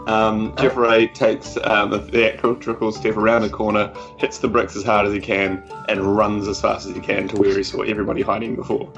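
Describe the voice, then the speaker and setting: A man playing in a tabletop game, narrating his character's actions in a relaxed, hesitant way with many pauses. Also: lowish voice, gravelly, lo-fi sound, over music. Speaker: player.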